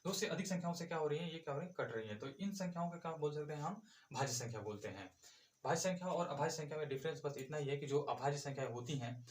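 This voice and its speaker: A man's voice: a little high, very fast, echoey room, a little hiss or hum. A male math teacher explaining a lesson step by step, asking and answering his own questions as he goes.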